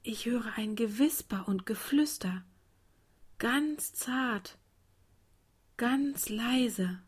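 A woman voicing a small, weary daisy child in a storybook, speaking softly and gently. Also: fairly high pitch, takes it slowly. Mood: whispering faintly. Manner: soft, weary, hushed. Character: tiny tired young daisy child.

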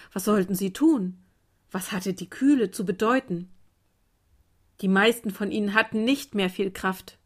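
A woman reading a calm bedtime story aloud in a soft, gentle voice. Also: medium pitch. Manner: calm, soft, turning quieter.

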